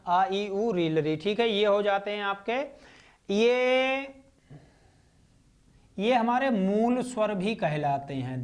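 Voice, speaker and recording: A male teacher with a Hindi accent gives a classroom lecture, drawing out each vowel sound and answering his own questions. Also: sits high. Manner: asks questions and answers them himself.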